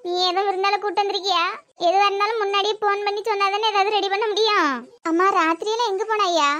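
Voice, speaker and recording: A woman's voice: extremely high pitch, fairly even intonation, quick pace, fairly bright tone. A woman doing a fretful old village grandmother. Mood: worried. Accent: Tirunelveli Tamil. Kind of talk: cartoon voice acting.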